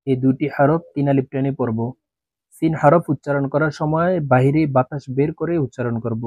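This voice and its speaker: A man teaching Arabic letters for Quran reading, explaining each sound and then chanting the letter names long and slow for students to repeat. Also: mid-range voice, steady tone, warm tone, no room sound. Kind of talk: recitation lesson.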